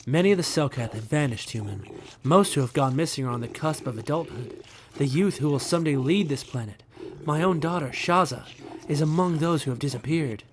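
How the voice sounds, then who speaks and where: A man voicing a solemn, proud fish-like alien father from a space game in formal, measured phrases. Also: on the high side, expressive, a little hiss or hum, natural voice. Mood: worried, pleading.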